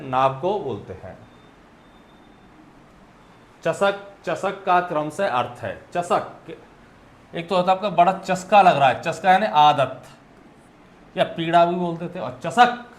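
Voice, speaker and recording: Slightly high-voiced man teaching a class. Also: animated, unhurried, long pauses, roomy sound, a little hiss or hum. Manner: explanatory, asks and answers his own questions; clears throat and coughs now and then. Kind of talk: exam solution lecture.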